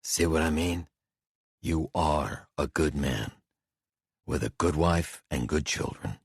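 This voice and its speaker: A man voicing a gruff, reclusive male falconer who speaks bluntly and low in an audiobook. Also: slow pace, no room sound, studio quality, full character voice. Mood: admiring.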